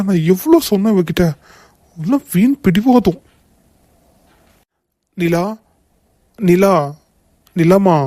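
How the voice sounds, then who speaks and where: A protective young male cartoon hero, as a performer voices him speaks in a mid-pitched, mellow, dark voice. He is firm and commanding toward enemies and soft and reassuring toward the heroine. The recording is dry and close. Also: no room sound, natural voice. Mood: worried. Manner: stern threatening, then gentle and soothing. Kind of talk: cartoon voice acting.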